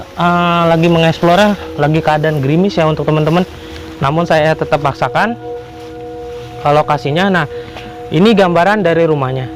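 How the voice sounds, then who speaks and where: A man with a slightly high voice narrates an exploration vlog. He speaks haltingly to his viewers and often repeats his phrases. Music plays behind his voice. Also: poor audio. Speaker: vlogger exploring abandoned houses. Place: abandoned roofless house and overgrown grounds in drizzle.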